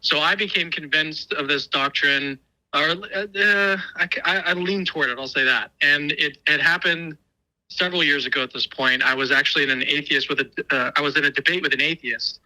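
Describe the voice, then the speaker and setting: A man's voice: on the high side, brisk, pushed and bright, low-quality recording. A man calling in to a show and heard over a speakerphone, talking thoughtfully and hesitantly with many fillers. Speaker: guest calling in. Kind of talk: casual call-in conversation. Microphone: phone call played over speakerphone.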